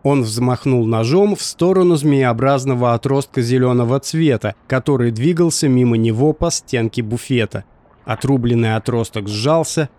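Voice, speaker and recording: A man's voice: medium pitch, a little mellow, no echo. Dry-voiced male audiobook narrator.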